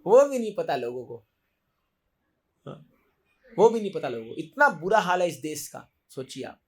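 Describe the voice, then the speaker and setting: A man's voice: fairly high pitch, sing-song, normal speed. A man giving a sermon to devotees, exhorting them emphatically, repeating key phrases and mixing English words into his Hindi. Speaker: temple preacher.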